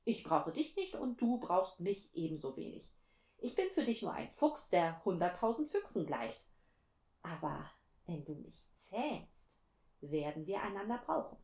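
A woman voicing a wise, gentle male fox who longs for a friend, reading slowly and wistfully in a storybook. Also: fairly low pitch, big pitch swings. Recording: roomy echo.

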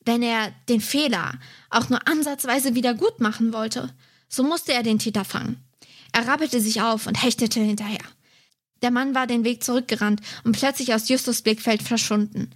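A woman reading a detective story aloud in a steady, measured way. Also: fairly high pitch. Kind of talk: reading a novel excerpt aloud.

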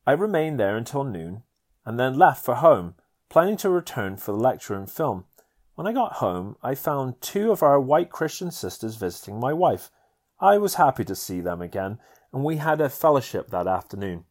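A man's voice: mid-range voice, a little mellow. Canadian-raised guy reading his own life story aloud, earnest, voice rises and falls a lot. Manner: earnest, testimonial. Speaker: narrator. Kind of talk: reading a memoir chapter aloud.

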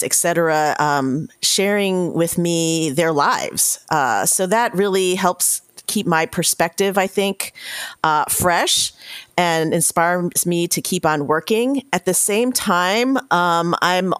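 A woman speaks as a podcast guest, thinking aloud with frequent pauses and restarts. Her voice sits low and moves at a slow, unhurried pace. The sound is smooth and close, with a dry recording. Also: no room sound. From Washington State, US. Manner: reflective, with many fillers and restarts. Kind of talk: podcast interview answer.

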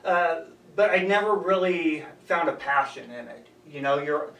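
A man's voice: on the high side, animated, a bit bright. Earnest young guy answering interview questions, roomy echo, a bit far from the mic, faint hum behind. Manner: earnest, halting, talks in short stretches. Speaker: running coach, guest.

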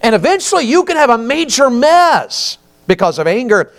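A man's voice: extremely high pitch, big pitch swings, normal speed, a bit bright. A man, preaching a folksy sermon and often asking the congregation questions. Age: 50s.

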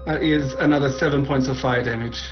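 A man talking casually as a tabletop game player, a little halting as he works out his moves. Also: medium pitch, steady tone. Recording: dull lo-fi audio. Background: music.

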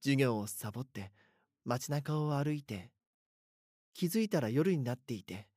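A male voice actor plays a frightened schoolboy haunted by his doppelganger, narrating his own horror story in first person like a radio play. He sounds earnest, dramatic and expressive, with a middling, mellow, husky voice at a measured pace. The recording is close and dry, and the mood is somber and uneasy.

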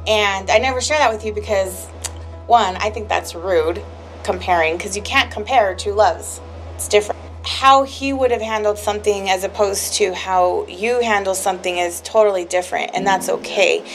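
A woman's voice: medium pitch, normal speed. A woman co-hosting a podcast with her husband, speaking candidly and emotionally in casual personal talk, often saying "like". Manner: candid and emotional, heavy use of "like". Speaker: podcast co-host. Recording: music playing underneath. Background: music.

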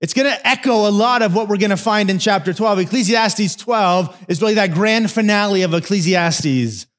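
High-voiced pastor, chatty sermon. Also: male voice, normal speed, fairly bright tone, soft background music. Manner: conversational storytelling, joking asides.

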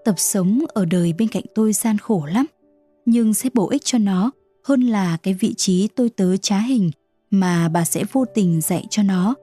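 A woman's voice: mid-range voice, a little slow, mellow, no room sound, soft background music, close to an everyday voice. A woman voicing a stern old male street performer in a storybook reading, with curt, commanding speech. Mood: earnest.

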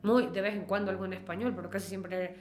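A woman's voice: mid-range voice, steady tone, fast talker, a little mellow, slight background noise. A woman in her thirties, a singer-songwriter talking casually in an interview, chatty and often trailing off to restart. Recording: roomy echo.

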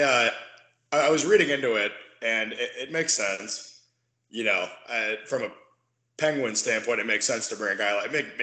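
A man hosting a casual hockey podcast, relaxed as he steers the talk and speculates on trades. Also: medium pitch. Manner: relaxed, leads the discussion, speculative. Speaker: podcast host. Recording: roomy echo.

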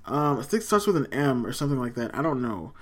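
A woman's voice: extremely low pitch, big pitch swings, fast, slightly rough. A woman co-hosting a casual chat, loose and chatty with lots of fillers and the odd swear. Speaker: podcast co-host. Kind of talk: casual chat about games.

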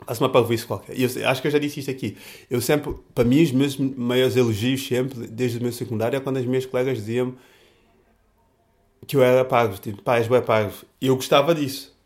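A man's voice: medium pitch, fairly even intonation, fairly quick, darkish tone. A young man with a European Portuguese accent, talking in a casual reflective monologue full of slang, restarts and fillers.

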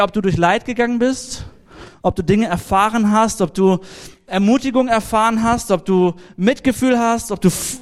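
A young man gives a relaxed, storytelling sermon and talks straight to the people in front of him. His voice sits fairly high for a man, and he keeps the talk personal and informal. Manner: lively, anecdotal, direct address to the audience. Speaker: preacher. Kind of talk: casual youth sermon.

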